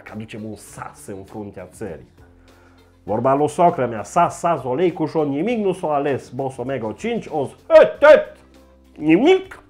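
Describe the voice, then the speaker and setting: Guy ranting satire, mocking, mid-pitched, keeps leaping up into silly voices. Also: darkish tone. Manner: mocking, sarcastic, with sudden jumps into high mock voices. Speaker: comedian. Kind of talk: satirical comedy monologue.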